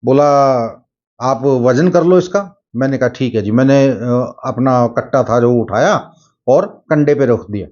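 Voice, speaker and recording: Middle-aged male storyteller, chatty retold dialogue, warm tone, muffled home recording. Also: medium pitch, unhurried. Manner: retells dialogue, many filler phrases. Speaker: dream-telling video host. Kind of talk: casual spoken storytelling. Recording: dull lo-fi sound.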